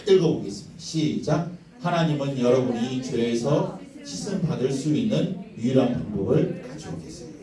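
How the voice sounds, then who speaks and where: 생동감 있게 이야기하는 어린이 설교 남자 목사. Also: male voice, mid-range voice, normal speed, a crowd in the background. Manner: animated, dramatic storytelling with questions to kids. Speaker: children's pastor. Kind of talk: children's sermon storytelling. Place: church sanctuary. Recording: echoey sanctuary, distant mic, faint ambience.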